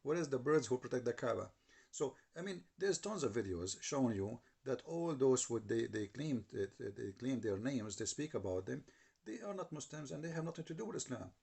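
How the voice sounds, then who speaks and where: A man's voice: mid-range voice, vocal fry, a little mellow, slightly rough. A man giving argumentative commentary, translating clips and challenging what they say. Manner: repeats and restarts while translating, challenging tone.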